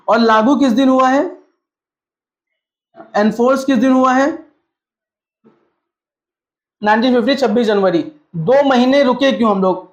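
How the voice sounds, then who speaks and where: A man teaching a lesson, asking questions and answering them himself, mixing English terms into his talk. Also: high-pitched. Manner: mixes English terms into Hindi. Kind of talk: classroom-style lecture. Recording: echoey room, slightly dull sound.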